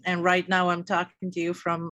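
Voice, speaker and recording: A woman's voice: lowish voice, completely flat delivery, moderate pace, fairly bright tone, no echo. A young woman from Sri Lanka, an optician, telling her story earnestly in an interview, with small restarts.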